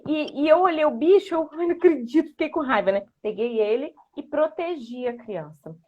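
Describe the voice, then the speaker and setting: High-voiced woman, muffled. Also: brisk. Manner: animated, lots of "né". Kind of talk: conversational explanation and storytelling.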